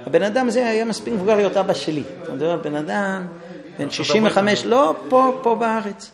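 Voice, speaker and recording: Crowd noise surrounds this high-voiced man as he gives a relaxed parenting talk to an audience. He tells animated stories and acts out how parents and children talk to each other.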